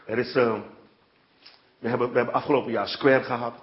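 A man preaching a sermon with lively storytelling, often checking in with his listeners. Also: mid-range voice, fairly quick, muffled recording. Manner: animated storytelling with frequent "ja" and "hè".

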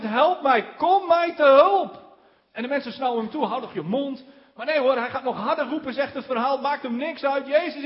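A man preaching a sermon, slowing down on key words for emphasis and chuckling now and then. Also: high-pitched. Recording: dull lo-fi recording.

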